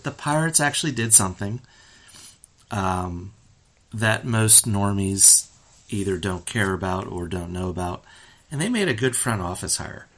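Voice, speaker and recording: A man's voice: on the low side, fairly bright tone. A man hosting a casual sports podcast, opinionated and rambling, with many fillers and restarts. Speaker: podcast host.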